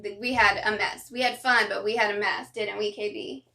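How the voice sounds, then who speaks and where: A woman's voice: medium pitch, fairly even intonation, normal speed, gravelly, pushed and bright. A woman hosting a bedtime story, reading a children's storybook aloud and chatting with young listeners through questions. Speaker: bedtime story host and reader.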